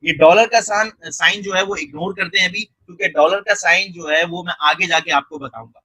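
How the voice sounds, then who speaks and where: A man narrating a screen-recorded software tutorial step by step. He keeps checking in with the viewer and mixes English technical terms into his speech. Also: sits high, fairly quick, slightly rough, no room sound, low-quality recording. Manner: step-by-step, repeating "theek hai" and "ye dekhen" to guide the viewer.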